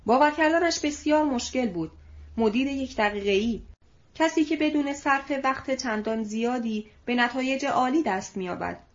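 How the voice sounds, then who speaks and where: A woman narrating an audiobook with a steady, even reading. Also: sits high. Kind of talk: scripted narration. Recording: dull lo-fi recording.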